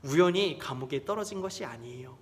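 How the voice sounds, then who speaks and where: A man preaching a children's sermon, telling a story in an animated, expressive way. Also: a little high, quick pace. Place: church sanctuary. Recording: long church hall reverb.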